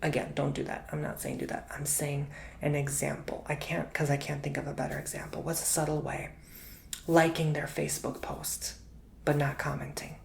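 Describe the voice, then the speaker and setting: Soft-spoken man with a gravelly voice. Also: on the high side, little pitch movement, moderate pace, a little hiss or hum. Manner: intimate, chatty, calls the listener honey and sugar; repeats words for emphasis. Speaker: tarot reader. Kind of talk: ASMR tarot reading, soft-spoken with whispers.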